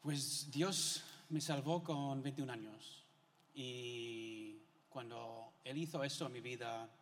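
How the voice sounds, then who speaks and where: A middle-aged American man, a missionary guest, gives his testimony conversationally during a church interview, speaking informally and sprinkling in Spain-style filler words. His mid-range voice takes things slowly. He's in a large indoor church hall, and the recording echoes with long reverb.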